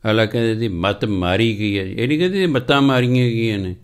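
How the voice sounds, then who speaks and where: A man with a Punjabi accent preaching a Sikh scripture sermon, chanting verses slowly and breaking into lively rhetorical questions and acted-out everyday dialogue. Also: lowish voice, clean tone.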